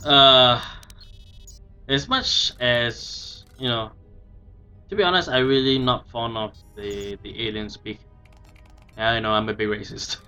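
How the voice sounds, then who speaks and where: A man talks through a video game in a casual way. His voice is bright and forward, and he halts and hesitates as he thinks aloud, with music softly behind him. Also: mid-range voice, a little slow, pauses often, smooth. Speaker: let's play commentator.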